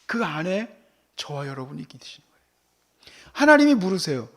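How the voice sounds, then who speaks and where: A man with a high voice preaches to a congregation. He swings between hushed, breathy near-whispers and loud, ringing exclamations, and he acts out the voices of the people in the passage as he goes. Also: big pitch swings, moderate pace. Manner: acts out God's and friends' voices in the sermon. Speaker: pastor. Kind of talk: sermon. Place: church service.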